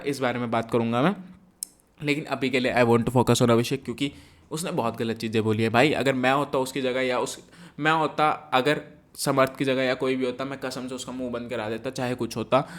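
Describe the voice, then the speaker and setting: A man giving a heated, indignant review of a reality show episode, dropping English phrases into his talk. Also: mid-range voice. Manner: mixes English phrases into Hindi. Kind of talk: casual review commentary.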